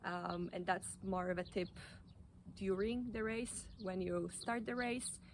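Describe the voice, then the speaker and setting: A woman giving informal running advice in a halting, hesitant way, often restarting her sentences. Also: medium pitch, fairly even intonation, slight background noise. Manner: hesitant, halting delivery with repeated self-corrections. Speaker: running coach or athlete giving tips. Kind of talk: informal advice talk to camera.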